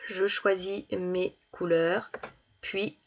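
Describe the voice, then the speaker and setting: A woman teaching young children, reading words slowly and clearly and stressing each one as she goes through worksheet exercises. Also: on the low side, flat delivery, dull audio. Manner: slow, deliberate, stresses each word. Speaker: primary school teacher.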